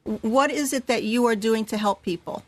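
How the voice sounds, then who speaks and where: A woman's voice: on the high side, moderate pace, no room sound. A woman hosting a casual interview, chatty and encouraging as she asks questions. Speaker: host.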